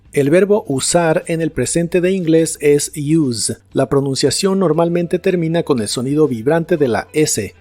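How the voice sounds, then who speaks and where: A man teaching English vocabulary in a scripted lesson, repeating each word slowly and carefully. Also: fairly high pitch, dark tone, dry recording. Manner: slow, careful pronunciation drills.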